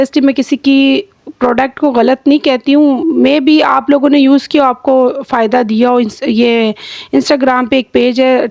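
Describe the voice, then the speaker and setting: A woman's voice: fairly high pitch, darkish tone, dry recording, dull audio. Chatty Pakistani woman with slightly sore throat. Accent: Pakistani Urdu. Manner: chatty and rambling, with many fillers and restarts. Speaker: vlogger, homemaker. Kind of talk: casual home vlog talk to viewers. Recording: dry close sound.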